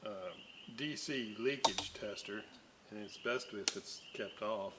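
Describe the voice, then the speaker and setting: Heavy background noise surrounds this man's fairly low, unhurried voice. He's an electronics restoration hobbyist casually describing his radio work at the bench. He wanders into side stories and leans on plenty of fillers.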